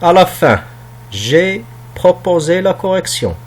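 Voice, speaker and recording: Slow, careful French teacher man. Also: sits high, sing-song. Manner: slow, deliberate, repeats words for pronunciation. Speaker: primary school French teacher. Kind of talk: slow recorded classroom lesson.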